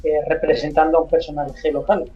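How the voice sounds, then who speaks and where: A man's voice: on the high side, level tone, a little fast, highs cut off, soft background music. A man from Spain, co-hosting a radio talk show and chatting in a casual, thinking-aloud way. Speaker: radio co-host.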